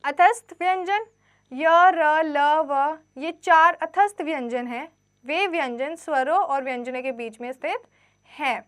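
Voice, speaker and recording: A woman's voice: high voice, animated, a bit bright. A woman teacher giving a grammar lesson to children, reading textbook lines and then re-explaining them simply, asking quiz questions and answering them herself. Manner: drawn-out letter recitation.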